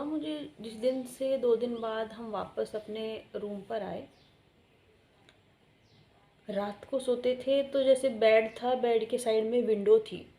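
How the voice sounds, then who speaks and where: A woman's voice: on the high side, mellow. A young woman telling a personal story in a chatty, rambling vlog style, repeating herself for emphasis. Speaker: vlogger. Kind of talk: casual storytelling.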